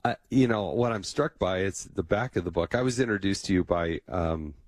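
A man's voice: deep voice, moderate pace, no echo. Conversational male interview host, dry sound. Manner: friendly, conversational, repeats words and restarts.

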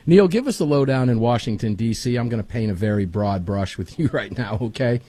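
A man's voice: mid-range voice, lively intonation, brisk, warm tone, no echo. Emphatic male talk radio host, dry studio sound. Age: middle-aged. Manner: emphatic, folksy, repeats phrases. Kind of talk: radio show hosting with sponsor reads. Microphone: close studio broadcast microphone.

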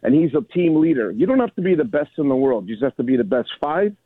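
A man in his sixties calls in to a radio show from a coffee shop, rambling and repeating himself in a chummy way. His voice is high-leaning, husky, very animated and fast, coming over a tinny, dry phone line with no room sound.

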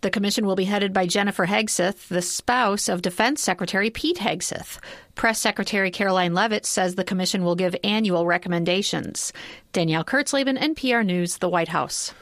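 A woman's voice: mid-range voice, brisk, a bit bright, no room sound, clean studio sound. A woman delivering a scripted radio news report.

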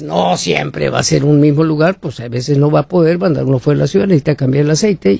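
This radio host, originally from Mexico and now in the US, meanders through commentary and sponsor reads while asking his audience rhetorical questions. His slightly high voice has a creaky, warm tone, captured at studio quality without echo.

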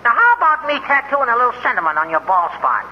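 Eager dopey tattooist, slangy and hesitant; extremely high, wildly swooping voice, vintage radio comedy. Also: male voice, very animated, fast talker. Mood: eager, salesmanlike. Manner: hesitant, slangy, uneducated grammar. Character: eager, dopey tough-talking tattoo artist. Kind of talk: 1940s radio comedy acting. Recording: muffled, hissy old radio recording.

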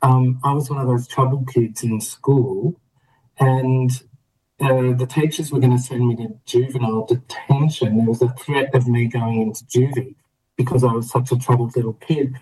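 A man's voice: medium pitch, fairly even intonation, moderate pace, mellow, breathy edge, rough recording. A middle-aged Australian man, a guest in a casual interview, telling his story reflectively with a laugh now and then. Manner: reflective, laughing, many restarts.

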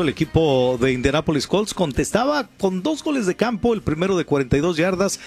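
High-voiced man calling American football. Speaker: sports radio host and play-by-play announcer. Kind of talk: live American football broadcast commentary.

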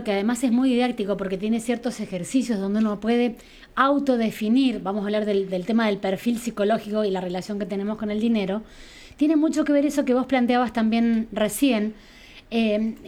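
An Argentine woman interviewer with a slightly raised pitch asks long, winding questions, building each one over several clauses. She sounds like a host leading a conversation. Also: dark tone. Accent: Argentine Spanish.

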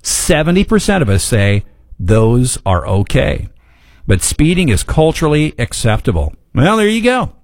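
Smooth radio host guy, pretty high voice, dry close studio mic, morning show news and weather. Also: sing-song, moderate pace, no room sound. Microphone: studio microphone.

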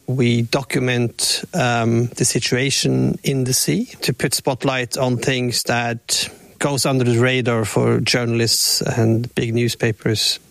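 A male aid volunteer answering interview questions in halting speech with many fillers, not an English speaker. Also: mid-range voice, level tone, creaky, fairly bright tone, no room sound.

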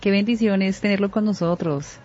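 A woman, a radio journalist asking a guest questions in a warm, inquisitive manner. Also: medium pitch, brisk, faint music behind. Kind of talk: interview questions. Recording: dull lo-fi recording.

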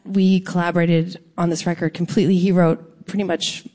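A woman's voice: on the low side, little pitch movement, fairly quick, mellow. A playful, jokey woman, chatting and laughing as a musician guest on a live stage. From Toronto, Canada. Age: 50s. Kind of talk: live stage interview chat. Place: theater stage before an audience.

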